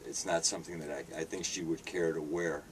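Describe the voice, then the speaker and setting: A Hungarian man in his fifties, a street paper vendor and artist, answers interview questions hesitantly with many fillers and restarts. His voice is extremely low, steady in tone and brisk, picked up by a distant mic with faint background noise.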